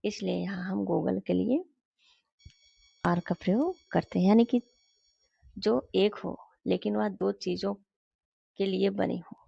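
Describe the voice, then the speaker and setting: A woman tutor giving a grammar lesson in Hindi, explaining step by step and reading English example sentences slowly. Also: medium pitch, vocal fry, dark tone, husky, no echo, muffled recording.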